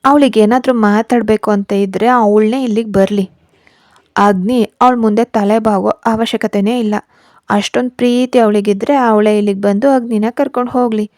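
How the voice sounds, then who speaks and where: A woman's voice: on the high side, steady tone, moderate pace, darkish tone, dry recording, clean studio sound, natural voice. A woman voicing a scheming young woman who coaxes her troubled friend, in a storybook reading. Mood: haughty. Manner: coaxing, self-satisfied.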